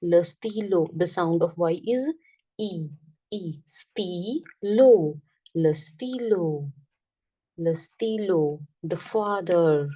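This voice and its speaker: A woman teaching a French lesson, repeating each word slowly and often checking that the class understands. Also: on the low side, dark tone, far from the mic, rough recording. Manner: patient, checks understanding with "got it?".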